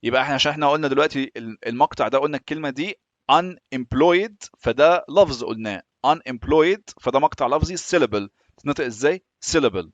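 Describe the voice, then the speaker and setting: A man with an Egyptian Arabic accent teaching English step by step, often pausing to check that the listener is following. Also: medium pitch, no echo, muffled recording. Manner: patient, often checks in with "تمام؟". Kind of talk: explaining English lessons in Arabic.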